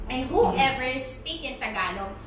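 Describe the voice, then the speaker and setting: A Filipino woman hosts a mukbang vlog and chats in a giggly mix of English and Tagalog. Her voice sits high, and she is caught from a distance in a very echoey room. Background chatter and noise run under her talk. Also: animated, a little slow, fairly bright tone. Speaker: vlog host. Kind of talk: casual mukbang vlog chat in Taglish. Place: indoors at a dinner table with friends.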